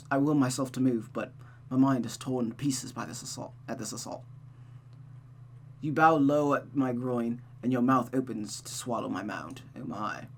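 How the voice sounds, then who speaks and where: Someone reads the part of an anguished, brooding male lover from a visual novel, keeping the performance light. The medium-pitched delivery is slow, hushed and halting, and the recording is noisy.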